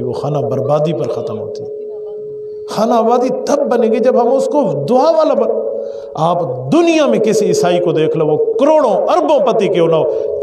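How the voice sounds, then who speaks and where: A man's voice: high voice, dark tone, a little hiss or hum. A man preaching a sermon as a mufti, telling anecdotes and asking rhetorical questions. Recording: echoey hall reverb.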